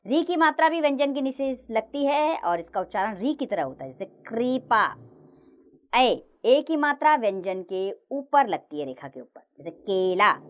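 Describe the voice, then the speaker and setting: In this kids' grammar lesson, a woman teacher says the letters one by one, slow and clear. Her delivery has a lively, sing-song rise and fall.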